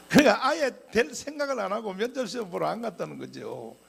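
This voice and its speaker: A male pastor delivering a sermon as an animated story, often clearing his throat. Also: extremely high pitch, unhurried, slight background noise.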